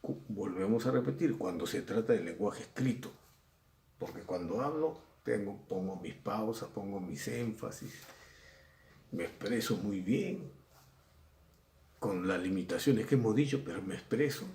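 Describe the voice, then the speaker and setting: A middle-aged Peruvian secondary school language teacher, speaking with a Peruvian Spanish accent, delivers a recorded lesson in a fairly low, darkish, expressive voice at an unhurried pace. He's conversational, repeats himself and acts out examples, with an echoey room and slight hiss or hum.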